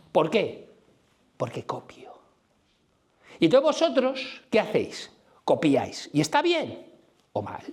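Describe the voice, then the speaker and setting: Addressing a live conference audience, this middle-aged man from Spain has a Madrid accent and a slightly high, somewhat mellow voice. His talk is plain-spoken and casual, and he keeps throwing questions at the crowd.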